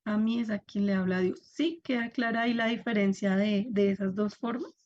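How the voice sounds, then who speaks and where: A woman's voice: mid-range voice, fairly even intonation, moderate pace, a little mellow, lo-fi sound. A young woman teaching an online class, patiently explaining step by step and asking her students to react.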